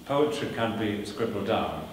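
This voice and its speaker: Heard from afar in an echoey hall, a man who speaks Welsh as his first language gives a talk as a performer, fielding audience questions during a lecture. He is measured and thoughtful yet expressive, with many fillers and restarts, in a lowish voice over a slight hiss or hum.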